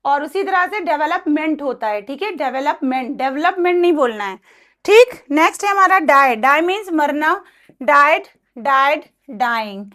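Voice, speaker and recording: Woman, bright high voice, patient teacher repeating words for pronunciation. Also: animated. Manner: mixes Hindi and English, repeats each verb form slowly; careful pronunciation drills. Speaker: English teacher. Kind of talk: spoken grammar lesson.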